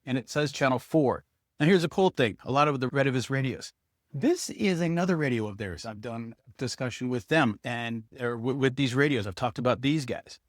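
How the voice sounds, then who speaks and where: Handling the item as he goes, a man gives a casual hands-on product review, chatting informally with viewers and thinking aloud. His voice is an average male pitch at a moderate pace. The recording is dry with no room sound.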